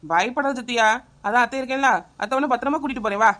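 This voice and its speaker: A woman voicing a brave, kind young aunt in a cartoon, speaking briskly and reassuringly. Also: a little high, fairly bright tone, lightly acted. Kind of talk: cartoon voice acting.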